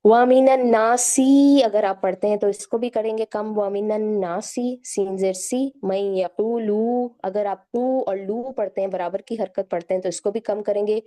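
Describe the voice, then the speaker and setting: A woman teaching a Quran recitation class, patiently sounding out syllables slowly one by one and checking in with her students. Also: medium pitch, fairly even intonation, mellow. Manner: slow, drawn-out syllable-by-syllable demonstration; patient, repeats "theek hai" to check in.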